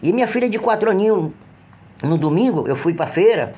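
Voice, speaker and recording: Earnest Brazilian man, halting testimony. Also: high-pitched, expressive, warm tone, husky. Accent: Brazilian Portuguese. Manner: halting, with repeated restarts and trailing phrases; earnest, pleading when retelling cries for help. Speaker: man giving a religious testimony. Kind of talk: emotional personal testimony.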